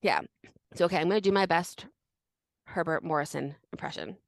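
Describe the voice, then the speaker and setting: A woman's voice: fairly low pitch, brisk, creaky, no room sound. A woman co-hosting a podcast in casual chat, telling the story in a chatty way full of fillers. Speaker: podcast co-host.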